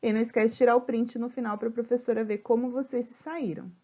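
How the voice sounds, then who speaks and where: A Brazilian woman teaching a remote grammar lesson to children, patiently spelling out syllables slowly and checking in often. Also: a little high, fairly even intonation, dark tone, dull audio. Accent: Brazilian Portuguese.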